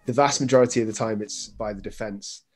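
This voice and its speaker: A man's voice: fairly low pitch, fast talker, darkish tone. A man in his thirties with a British accent, explaining things in a casual interview conversation. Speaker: forensic psychiatrist in conversation. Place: indoor room on a video call.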